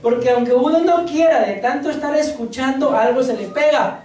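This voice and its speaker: Woman preacher, fairly high voice, questions and jokes with the flock, recorded from afar in a booming church hall. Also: moderate pace, darkish tone. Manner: asks the congregation questions, jokes between points. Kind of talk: church sermon. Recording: very echoey church hall, mic far off.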